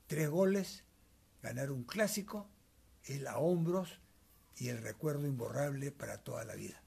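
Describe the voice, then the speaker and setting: Older man, gravelly, raspy, measured storyteller, handheld mic indoors. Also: mid-range voice, expressive, mellow. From Peru. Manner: measured, storytelling, tags remarks with asides. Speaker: guest. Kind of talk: reminiscing interview. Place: small cluttered decorated room, indoors. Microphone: handheld wired mic held by interviewer.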